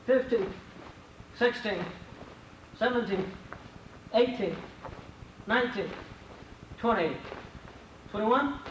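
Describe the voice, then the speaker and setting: Give me a man coaching stretches in a calm, steady voice, on a worn VHS copy with faint background noise. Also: very high voice, echoey room, low-quality recording. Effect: worn VHS tape copy. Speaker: martial arts instructor. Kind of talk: exercise instruction with counting.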